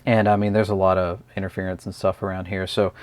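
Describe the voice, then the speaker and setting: Here the fairly low-voiced product reviewer talks fast with little pitch movement, still unscripted and hesitant in his casual gadget rundown. The recording is dry, close and free of echo.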